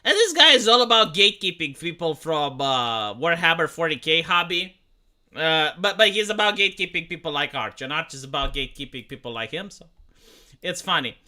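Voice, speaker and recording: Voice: mid-range voice, animated, fairly quick, pushed and bright. A streamer in their thirties from Romania, rambling to chat in a profane, stop-start way. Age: 30s. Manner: rambling, profane, full of restarts. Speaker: livestreamer. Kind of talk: casual livestream commentary.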